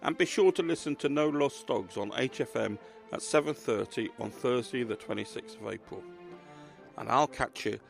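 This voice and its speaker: Soft music plays in the background while a male author and host speaks reflectively about his books. His mid-range voice has a gravelly, husky texture, and he talks in a measured, deliberate manner.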